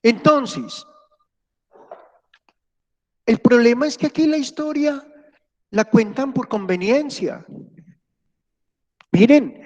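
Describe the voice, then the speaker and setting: Male teacher, high-pitched, chatty and animated, lecture captured with muffled classroom reverb. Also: slow, pauses often. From Colombia. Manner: animated, chatty, acts out anecdotes. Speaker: history teacher. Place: classroom, with hybrid remote class.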